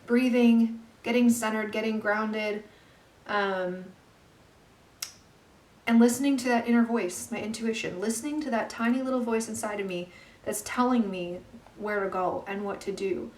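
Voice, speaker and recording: Woman, earnest self-help vlog, gentle, pausing, slightly high voice, echoey room off-mic. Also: distant mic. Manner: earnest, gentle, many pauses and fillers. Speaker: vlogger and life coach. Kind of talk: reflective self-help monologue.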